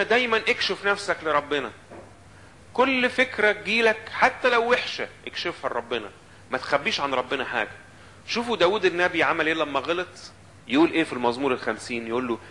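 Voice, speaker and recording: A man with an Egyptian Arabic accent, preaching a sermon in an animated way, quoting scripture and voicing the people in it. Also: fairly high pitch.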